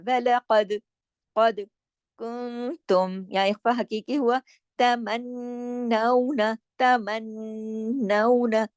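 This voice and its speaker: A woman teaching Tajweed, explaining each recitation rule patiently and drawing out the verses slowly. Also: on the high side, a little mellow, no room sound. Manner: patient, explains each rule step by step with repeated questions and answers.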